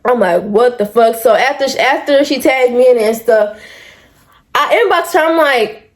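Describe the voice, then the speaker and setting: Here a woman, a mother with a vlog, shares a personal story directly with her audience, addressing them as y'all and cursing without hesitation. She speaks in a high-pitched, animated voice at normal speed in this casual storytime.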